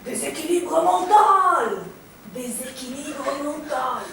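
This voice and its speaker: A woman putting on the voice of a calm, deliberate middle-aged male doctor, speaking slowly and measured in a stage play, heard from far off in an echoey hall. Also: sits high, gravelly, slight background noise, heavily acted. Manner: slow and measured.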